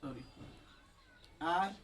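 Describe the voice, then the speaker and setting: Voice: medium pitch, very slow, a bit bright. A teacher walks through English pronunciation in a video lesson, spelling each word out letter by letter. The delivery is casual and chatty, with frequent rhetorical questions. The voice sounds a little distant from the mic. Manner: explains step by step in a casual, chatty tone.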